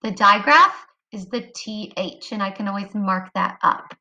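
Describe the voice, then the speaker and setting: A woman teaching a kindergarten phonics lesson online, speaking clearly and encouragingly to young children. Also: mid-range voice, measured pace, bright, forceful tone, poor audio.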